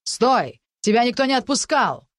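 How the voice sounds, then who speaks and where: A woman's voice: fairly low pitch, moderate pace, no echo, clean studio sound, lightly acted. A woman reading an audiobook, voicing a domineering male marquis who gives orders and hisses his contempt. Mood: imperious. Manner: hissing, commanding.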